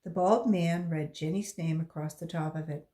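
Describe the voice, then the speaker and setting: A low-pitched woman from West Virginia volunteers to read a children's book, taking it slowly and expressively in storytelling fashion.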